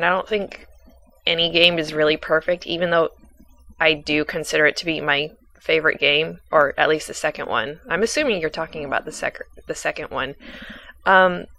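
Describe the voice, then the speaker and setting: A young woman with a hoarse voice from a cold, answering viewer questions in a casual, rambling voice-over full of ums and restarts. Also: deep voice, fairly bright tone. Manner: rambling, self-deprecating, many ums and restarts. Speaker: YouTube Let's Play creator.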